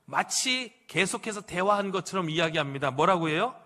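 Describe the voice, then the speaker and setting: Male pastor, animated sermon storyteller, high and bright voice, asks the congregation questions. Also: a little fast. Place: church sanctuary.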